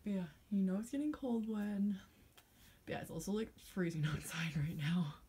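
A woman's voice: medium pitch, expressive, normal speed, heavy background noise. A young woman from Canada chatting casually to her phone camera in her bedroom, filling her talk with "like" and "yeah". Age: young adult. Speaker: vlogger. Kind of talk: casual vlog chat. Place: small bedroom indoors. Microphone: phone camera at arm's length.

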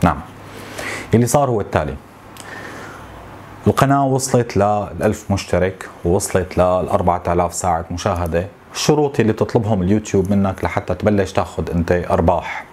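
A man in his thirties with a Syrian Arabic accent, venting to camera in a frustrated, complaining way, with halting repetitions. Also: sits low, darkish tone, slight background noise. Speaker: tech YouTuber. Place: small home office, indoors.

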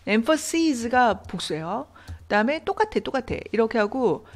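A woman English teacher leads an online reading lesson, explaining passages and grammar step by step and asking her students questions along the way. Her voice is fairly high and very animated, at a moderate pace.

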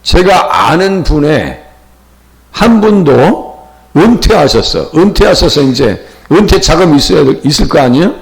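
A middle-aged pastor from Chungcheong preaches in a lively voice that climbs and falls widely. His slight Chungcheong accent colors a chatty sermon full of questions to the congregation, with a gravelly edge to his somewhat high voice. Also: unhurried. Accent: Chungcheong Korean. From Chungcheong, Korea. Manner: conversational preaching with rhetorical questions.

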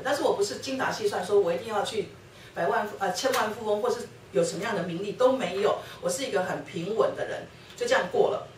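A middle-aged woman gives a personal testimony talk at a church lecture. She tells her story and acts out the dialogue she quotes. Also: medium pitch. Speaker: guest speaker sharing her testimony with her husband. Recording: roomy hall, distant mic, faint noise.

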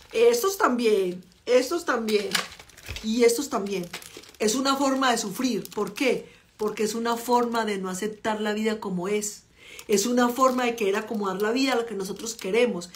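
A woman's voice: on the high side, moderate pace, slight background noise. A middle-aged woman with a Colombian accent gives a motivational talk, animatedly telling stories and acting out the voices in her quotes. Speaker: personal growth speaker. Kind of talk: motivational talk with personal anecdotes.

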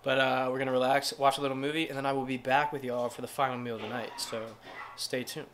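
Casting: young male fitness vlogger, slangy and relaxed, mid-range voice, phone-camera talk. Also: mid-range voice, fast, background noise. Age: 20s. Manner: laid-back and slangy, upbeat. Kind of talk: casual vlog talk to camera. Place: car, restaurant and home kitchen.

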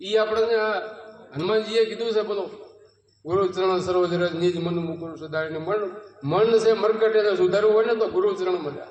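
Man, Gujarati accent, devotional sermon, high voice, distant mic, long reverb. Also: fairly even intonation, fairly quick. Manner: storytelling, rhetorical questions, quoting devotional verses. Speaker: satsang preacher. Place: home courtyard gathering.

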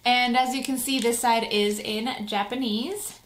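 An excited woman hosts a casual unboxing vlog in a fairly high voice. She gushes like a devoted fan, stretching words for emphasis and exclaiming with delight. The room is echoey, with slight noise behind her. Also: unhurried. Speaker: vlog host. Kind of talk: casual unboxing chat to viewers.

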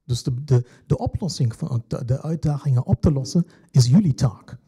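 A man's voice: medium pitch, normal speed, dark tone, husky. A man moderating a literary event, explaining a translation project in a hesitant way with many fillers. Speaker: festival moderator.

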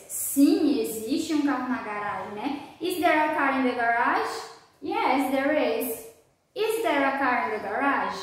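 A high-pitched woman teacher walks through grammar in a video lesson. She drawls her model sentences slowly and carefully, then answers her own rhetorical questions. The sound rings around a very echoey room. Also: a little mellow. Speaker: English teacher.

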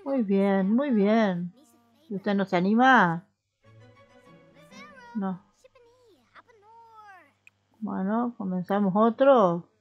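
A young woman with a Rioplatense Spanish accent streams a life simulation game, chatting casually and talking to the characters. Her medium-pitched voice stretches words out with long pauses, and the muffled recording carries soft background music.

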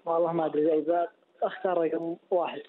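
Dull phone line, quick Gulf Arabic man. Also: fairly high pitch, flat delivery. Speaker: phone-in contestant. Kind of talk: casual phone chat.

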